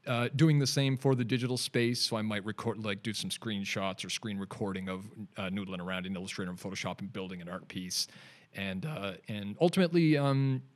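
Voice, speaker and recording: A man in his forties speaks fairly quickly in a lowish voice with a Canadian accent. He is a digital artist appearing as a podcast guest in a studio, and his casual chat rambles along, relaxed and full of fillers and restarts.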